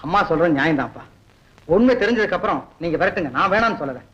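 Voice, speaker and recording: Soft-hearted young hero, high voice that swings a lot, old muffled film sound with music. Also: male voice, lively intonation, rapid-fire, husky, heavily acted. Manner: pleading, emotional dialogue delivery. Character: earnest young man, gentle and persuasive. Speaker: hero of a family film drama. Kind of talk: 1960s Tamil film acting.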